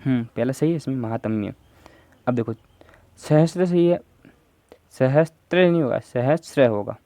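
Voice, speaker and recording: A man's voice: medium pitch, expressive, normal speed, warm tone, dry recording. A man teaching Hindi grammar for an exam, going through answer options step by step and prompting viewers to answer. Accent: Rajasthani. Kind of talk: exam prep lesson.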